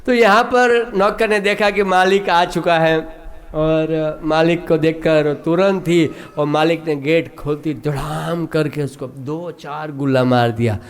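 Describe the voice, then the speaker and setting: A man's voice: fairly high pitch, slow pace. A male preacher giving a sermon that he livens with story-telling and voiced characters. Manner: animated, acts out characters. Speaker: ISKCON preacher.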